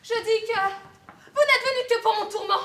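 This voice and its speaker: A woman's voice: very high-pitched, normal speed. A woman playing a distraught young betrothed daughter as a plaintive tragic heroine in a theatrical stage comedy. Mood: anguished despair. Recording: echoey stage recording with loud noise.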